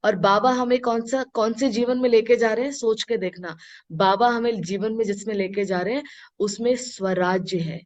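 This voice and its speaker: A woman spiritual teacher giving a talk to an audience, mixing Hindi and English and asking her listeners questions, with slow, emphatic phrases she repeats. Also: fairly high pitch, steady tone. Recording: dull lo-fi recording.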